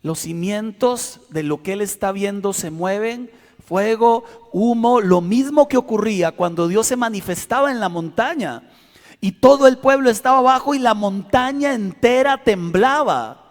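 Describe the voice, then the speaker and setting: Male pastor, high-pitched, theatrical delivery, church hall reverb. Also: animated, normal speed. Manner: dramatic, acts out shouts and quotes. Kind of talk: sermon with personal story.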